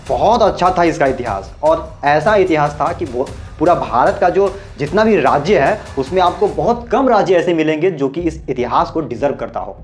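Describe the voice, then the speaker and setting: Earnest man explaining his view. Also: fairly high pitch. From Bihar, India. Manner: earnest, asks rhetorical questions, mixes English terms. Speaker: YouTube commentator. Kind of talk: explanatory social commentary.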